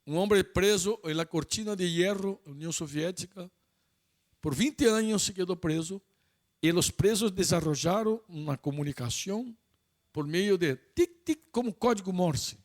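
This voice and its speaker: High-voiced man preaching a sermon. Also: normal speed. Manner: mixes Portuguese and Spanish, emphatic repetitions.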